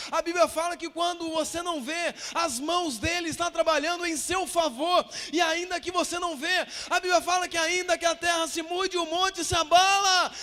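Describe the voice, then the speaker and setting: High-voiced Brazilian preacher in an echoing church. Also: male voice. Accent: Brazilian Portuguese. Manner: fervent, repetitive preaching that swells to shouts. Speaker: pastor. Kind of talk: sermon. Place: church hall. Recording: long echo of a church hall.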